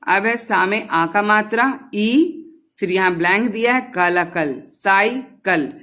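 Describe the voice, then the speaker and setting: A woman's voice: medium pitch, bright, forceful tone. Female primary teacher, patient and repetitive, talks young pupils through worksheet questions. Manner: slow, patient, repeats words and syllables for children; asks questions and answers them herself. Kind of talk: online lesson on Hindi vowel signs.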